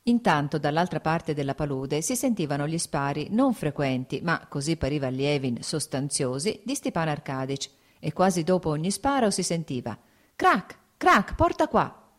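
Female audiobook narrator, lower pitch, measured and steady literary reading. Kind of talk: scripted audiobook narration of a classic novel.

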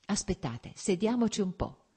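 A woman's voice: medium pitch, sing-song, normal speed, dark tone, breathy edge, voice pushed up. Kitty, a woman voicing an eager young lady. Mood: earnest. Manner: intense, emotional questioning. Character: earnest young noblewoman, eager and impulsive.

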